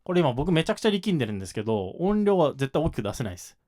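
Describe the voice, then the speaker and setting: A man's voice: on the high side, sing-song, rapid-fire, a little mellow, a little hiss or hum. A man explaining shamisen technique in a patient lesson, with frequent fillers. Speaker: shamisen instructor.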